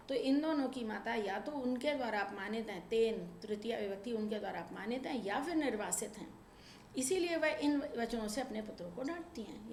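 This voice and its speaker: A woman teaching a Sanskrit lesson, reading verses slowly and explaining them line by line in Hindi. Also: a little high, a little mellow. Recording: echoey room with faint ambient noise.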